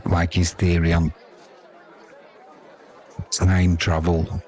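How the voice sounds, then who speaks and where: Calling cricket live, an English-accented commentator and host talks in a low, monotone, slightly mellow voice, drawing out his words. His style is casual, chatty, blunt, slangy, and drily funny, with a faint crowd audible behind him.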